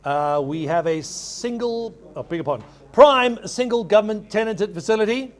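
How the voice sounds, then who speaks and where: A man with a high-pitched, expressive voice works as an auctioneer at a live property auction. He addresses the room courteously and chants the figures rapidly and repeatedly as he takes bids.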